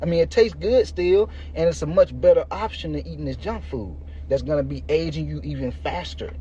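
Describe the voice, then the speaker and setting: Brisk and mellow, with a slightly high pitch, a man in his thirties hosts a fitness podcast as its coach. He offers listeners a slangy, informal motivational monologue addressed right to them, heard through muffled, noisy lo-fi audio.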